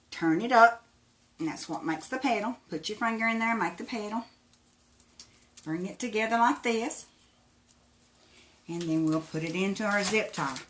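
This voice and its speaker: A woman's voice: mid-range voice, bright, forceful tone. A woman from Tennessee with an Appalachian accent, chatting in a folksy way as she hosts a casual live craft demonstration. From Tennessee, United States. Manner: folksy, chatty, thanks viewers by name. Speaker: craft tutorial livestream host.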